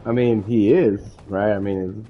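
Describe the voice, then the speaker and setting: A man's voice: on the low side, steady tone, unhurried, narrow, tinny audio. A young adult man in casual chat while gaming, cracking crude jokes and laughing often. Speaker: gamer.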